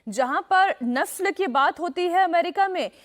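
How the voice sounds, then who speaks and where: A woman's voice: very high-pitched, expressive, measured pace. A woman news anchor moderating a TV debate, asking pointed, probing questions.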